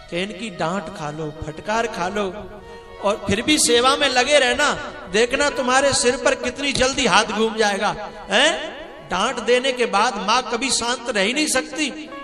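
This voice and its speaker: A man preaching a devotional sermon, telling a moral story with emphatic, fervent stress. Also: high-pitched. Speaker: spiritual preacher. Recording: echoey hall with music.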